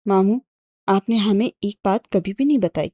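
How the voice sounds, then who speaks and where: A woman reading an audiobook and voicing a cheeky teenage girl who answers quickly and defensively. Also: mid-range voice, dark tone, dry recording, clean studio sound, natural voice.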